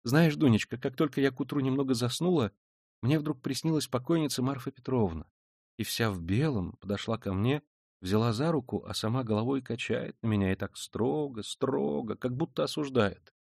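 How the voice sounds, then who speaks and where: A man's voice: mid-range voice, moderate pace, creaky, darkish tone, breathy edge, dry recording, clean studio sound. Man playing a flustered older mother. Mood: gushing. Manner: flustered, exclaiming, rambling. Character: anxious fussy older mother, gushing.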